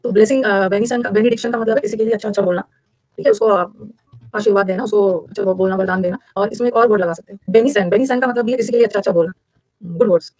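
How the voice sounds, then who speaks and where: A woman with an Indian accent races through an online vocabulary lesson for exam preparation in a medium-pitched, darkish voice. She's chatty, repeats key words, puts questions to the class and blends English into Hindi. The recording is low in quality, with no room sound.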